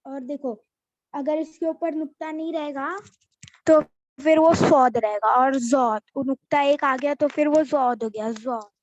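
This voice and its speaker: A woman's voice: high voice, unhurried, darkish tone, no room sound, highs cut off. A woman teaching a children's alphabet lesson, patiently repeating each letter name as she explains.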